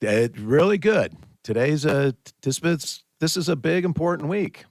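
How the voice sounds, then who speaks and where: A man's voice: fairly high pitch, expressive, normal speed, a little mellow, no room sound. An American man hosting a conversational morning radio talk show about local affairs, speaking into a close studio microphone.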